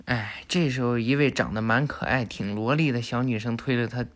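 A man's voice: mid-range voice, a little fast. A man playfully retelling an anime episode, chatty and joking and correcting himself as he goes. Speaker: storyteller.

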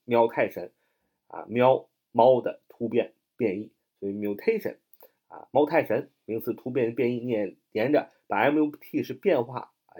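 A man's voice: medium pitch, slightly rough. A man teaching English vocabulary, spelling words letter by letter and explaining with memory tricks, chatty with many fillers. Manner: chatty, animated, frequent "啊" fillers.

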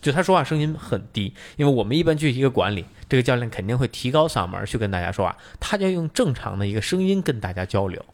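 A man's voice: medium pitch, big pitch swings, quick pace, hardly any pauses. A man co-hosting a podcast, explaining things at length in casual chat, with many fillers. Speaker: podcast co-host.

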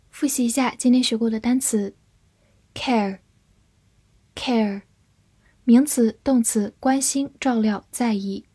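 A woman giving a scripted vocabulary lesson, spelling words out letter by letter and reading example sentences slowly. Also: a little high, darkish tone, slightly rough, no room sound. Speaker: English teacher.

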